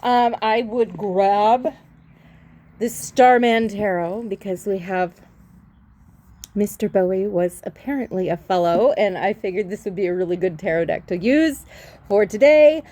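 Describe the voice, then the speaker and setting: A tarot reader with a dark-toned, mid-range voice speaks at a measured pace into her phone. The livestream is casual and chatty, and she rambles affectionately while setting up the reading.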